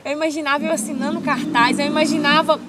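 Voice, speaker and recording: A woman's voice: high voice, quick pace, very noisy. Young Brazilian woman, emotional retelling. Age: 20s. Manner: emotional, devout, animated retelling. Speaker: MMA fighter. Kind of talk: casual interview.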